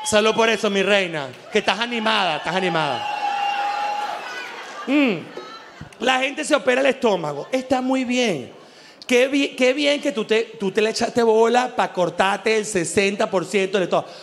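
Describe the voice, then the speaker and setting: Venezuelan guy doing stand-up, crude and animated, high gravelly voice. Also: moderate pace, crowd noise, noisy background. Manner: animated, crude, laughs often, acts out voices. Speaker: stand-up comedian. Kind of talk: stand-up comedy monologue. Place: live show venue.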